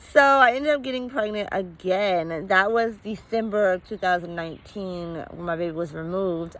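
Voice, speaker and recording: A woman telling her own story in a candid, conversational vlog, full of fillers and at times close to tears. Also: medium pitch. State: emotional, near tears at times. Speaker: vlogger.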